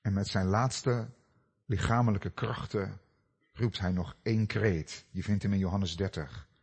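Husky middle-aged guy preaching, goes from big loud bits to real quiet low ones. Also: measured pace. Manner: dramatic swings from loud cries to hushed low tones. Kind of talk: sermon with personal story.

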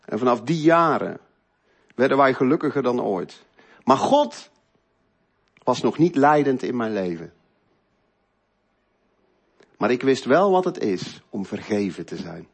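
Middle-aged guy, husky voice, earnest faith testimony, goes loud then hushed. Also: medium pitch, big pitch swings, a little slow, long pauses. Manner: earnest, swings between loud and quiet, hushed. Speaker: speaker giving a faith testimony. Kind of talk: emotional personal testimony.

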